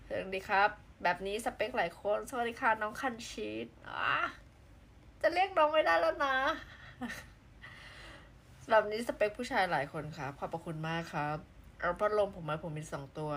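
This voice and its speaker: A playful woman from southern Thailand hosts a casual live stream and greets viewers as their comments roll in. Her talk is quick to burst into exclamations, with a faint hiss of noise underneath. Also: mid-range voice, lively intonation, pushed and bright. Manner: chatty and playful, with frequent exclamations.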